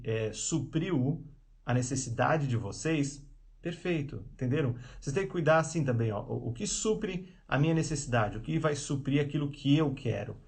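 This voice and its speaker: A man who teaches English, hosting a live stream of parenting advice in casual, rambling talk, full of restarts and tag questions. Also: on the high side. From Brazil.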